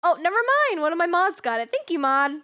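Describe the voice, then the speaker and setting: High-pitched, bubbly young-sounding woman streamer. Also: sing-song, fairly quick, sharp tone. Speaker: variety game streamer. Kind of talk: casual livestream chat.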